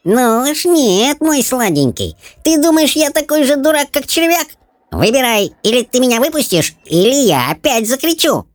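Shrill squeaky little goblin, rude and bossy, way up high, strange thin tone. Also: male voice, very animated, normal speed, no echo. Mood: mocking. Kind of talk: audiobook character voice.

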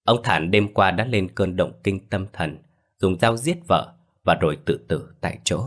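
A man narrating a scripted horror story in a steady, matter-of-fact way. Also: low voice, unhurried.

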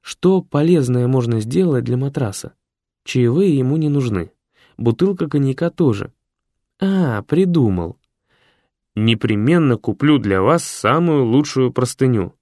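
A man narrating a comic story in a lively, ironic reading style. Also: medium pitch, measured pace, no echo, studio quality.

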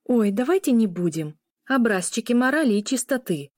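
A woman's voice: a little high, expressive, moderate pace, a little mellow, no room sound, studio quality, voice pushed up. A woman doing a snappy, indignant young woman. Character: impulsive young woman, sharp-tongued niece.

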